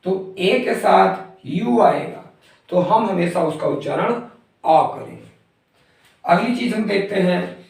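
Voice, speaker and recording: A man with a high-pitched, gravelly voice teaches English pronunciation methodically, spelling out each letter before saying the word. It's an explanatory lesson recorded far from the mic in a very echoey room.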